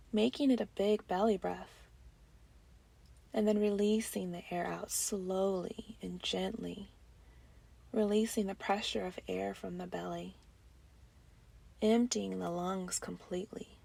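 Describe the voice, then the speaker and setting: A woman with a mid-range voice leads a breathing meditation in a room with no echo. She sounds gentle and calming, her soft, breathy lines frequently trailing into near-whispers before long silences.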